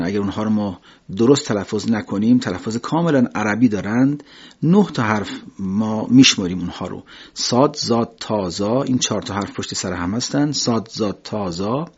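A man teaching a lesson on Quran recitation, patiently explaining and slowly demonstrating letter sounds. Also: mid-range voice, a little mellow, husky. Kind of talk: religious lesson on pronunciation. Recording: dull lo-fi recording.

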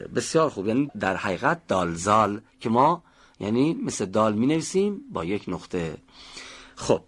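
A man teaching a televised pronunciation lesson, patiently explaining step by step and slowly demonstrating each sound. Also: on the low side, fairly bright tone, breathy edge.

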